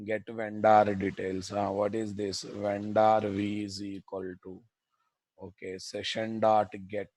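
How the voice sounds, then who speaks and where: A man's voice: lowish voice, a little mellow, dry recording. A man with a Telugu Indian accent lecturing on code as an instructor, repeating phrases and prodding students with blunt questions. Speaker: programming instructor. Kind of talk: live coding lecture to students.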